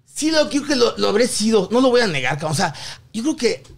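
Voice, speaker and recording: A man's voice: high-pitched, big pitch swings, brisk, gravelly. A man from Mexico with a Mexican accent, chatting on a podcast in heavy slang and swearing emphatically. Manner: slangy, profanity-laden, emphatic. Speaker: podcast co-host. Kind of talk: casual chat.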